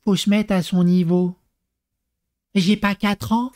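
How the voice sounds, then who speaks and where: A man commenting comically on a parenting text he reads aloud, with animated, crude talk and mock acting mixed in. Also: sits high, slow. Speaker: YouTube commentator.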